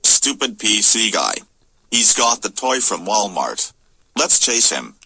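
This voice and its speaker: A man's voice: lowish voice, big pitch swings, takes it slowly, vocal fry, background noise. A man voicing a grumpy, impatient cartoon character in a homemade cartoon.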